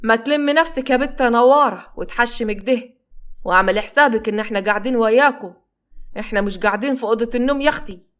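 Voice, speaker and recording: A woman voicing a scolding mother-in-law from Egypt, loud and nagging. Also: medium pitch, lively intonation, fast talker, lightly acted.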